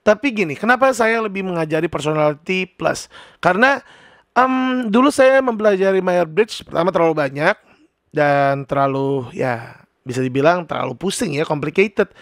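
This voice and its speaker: A man explaining personality types in a chatty, animated, casual vlog. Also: high-pitched, normal speed, no echo, clean studio sound. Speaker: personality teacher.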